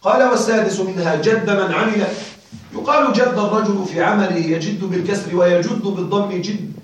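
A man teaching a classroom lesson, questioning his listeners often and slowing down to spell out word forms. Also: sits high, very echoey, recorded from a distance, slight background noise, low-quality recording. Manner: checks on listeners with frequent questions; slow and deliberate when spelling out word forms. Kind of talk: classroom lecture on Arabic grammar.

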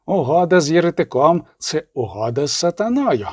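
A man's voice: a little high, very animated, a little fast, darkish tone, slightly rough, no room sound, studio quality. A man voicing a grim, zealous priest preaching damnation in an audiobook. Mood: condemning. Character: stern zealous male priest, condemning.

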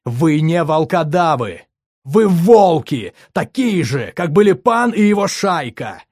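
A male narrator voicing a furious young man who shouts indignantly at his comrades. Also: medium pitch, measured pace, dry recording, clean studio sound, pitched above the performer's own voice, lightly acted. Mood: furious shouting.

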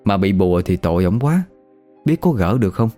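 A man's voice: low voice, very animated, a little fast, mellow, faint music behind. A man telling a ghost story in a chatty, conversational way. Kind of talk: casual spoken ghost story.

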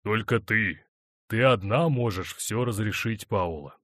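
A man's voice: fairly low pitch, a little slow, fairly bright tone, no echo, clean studio sound. A man voicing a hurt, wry husband. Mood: stern. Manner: bitter, wry, controlled. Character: hurt middle-aged husband, wry and stern.

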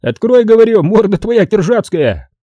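A man voicing a cocky, coarse male adventurer who talks loudly and mockingly. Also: high voice, sing-song, moderate pace, dry recording, muffled recording, pitched above the performer's own voice. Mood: brash. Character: brash rough-talking male adventurer, cocky.

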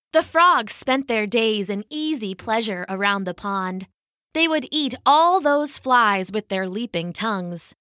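A woman narrating a storybook aloud, her pitch swinging lively as she reads. Her voice is bright and close in a dry room, and she takes her time. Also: no room sound. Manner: expressive, animated reading.

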